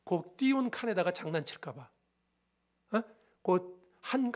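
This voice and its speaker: A male pastor preaching a sermon emphatically, often asking the congregation rhetorical questions. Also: sits high.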